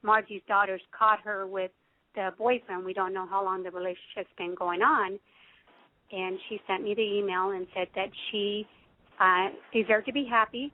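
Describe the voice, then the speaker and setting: A woman speaking as a radio guest, earnest and halting, with frequent fillers. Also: mid-range voice. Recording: dry, tinny phone-like line.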